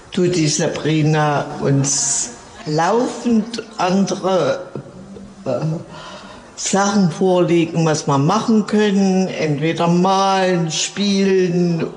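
A woman in her seventies, a resident of assisted living, answering interview questions in a relaxed, chatty way. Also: fairly low pitch, rough recording. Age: 70s. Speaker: care home resident.

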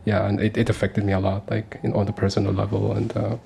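Low gravelly Sudanese-born man in his thirties. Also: monotone, fast talker, dark tone, slight background noise. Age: 30s. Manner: earnest, hesitant, many fillers and restarts. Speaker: radio guest. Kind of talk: conversational radio interview.

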